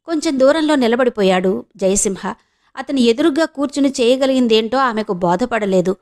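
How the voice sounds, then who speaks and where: Woman audio novel narrator from Andhra Pradesh, steady delivery, pitched slightly high. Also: moderate pace. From Andhra Pradesh, India. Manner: steady storytelling.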